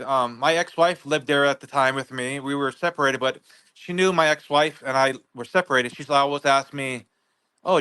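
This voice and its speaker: Guy guesting on a livestream, kinda high voice, rambles, lots of restarts. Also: pushed and bright, clean tone. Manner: rambling, halting, many restarts. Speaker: guest neighbor. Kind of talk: casual livestream interview.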